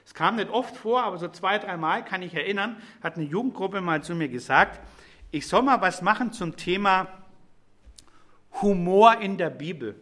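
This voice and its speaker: High-voiced man preaching a sermon. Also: a bit bright. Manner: conversational, explanatory, addresses congregation directly.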